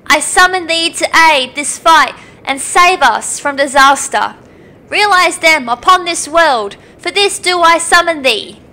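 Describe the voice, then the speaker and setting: A woman reading as a driven young dragon summoner, high and bright. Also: lively intonation, measured pace, exaggerated voice. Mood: solemn. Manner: earnest, dramatic reading of game dialogue.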